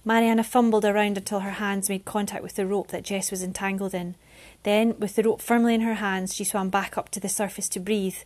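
A woman reading a novel chapter aloud with steady, expressive narration. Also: mid-range voice, brisk. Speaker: reader.

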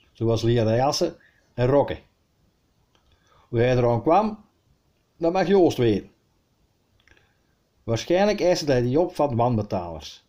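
A Flemish-accented man reading local history aloud, in a measured, dryly wry tone. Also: mid-range voice, mellow, lo-fi sound. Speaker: storyteller.

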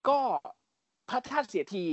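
A man co-hosting a casual podcast, recapping events as an animated storyteller, full of crude slang and mimicked voices. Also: a little slow, no room sound, lo-fi sound. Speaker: podcast co-host.

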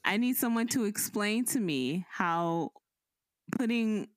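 A woman's voice: mid-range voice, takes it slowly, no room sound. A woman cohosting a podcast, telling a story in casual chat and acting out the people in it. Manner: animated, acts out the people in the story.

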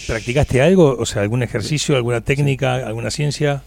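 An Argentine man hosts a radio interview and keeps to short questions and quick interjections. His voice is gravelly, and he is heard close and dry in the studio. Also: medium pitch, a little mellow, dry recording. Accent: Argentine Rioplatense Spanish. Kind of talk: casual interview chat.

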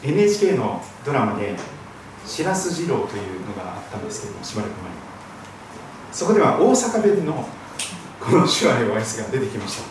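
Pastor from Shikoku preaching earnestly, pitch swinging widely, heard from afar in a very echoey church. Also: big pitch swings, fast talker, background noise. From Shikoku, Japan. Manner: earnest, emphatic preaching with hymn singing. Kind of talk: sermon. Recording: very echoey hall, voice from a distance.

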